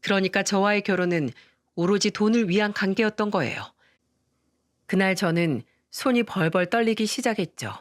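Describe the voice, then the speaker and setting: A woman's voice: mid-range voice, moderate pace, no echo, clean studio sound. Woman narrating a dramatic story. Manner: even, dramatic first-person storytelling.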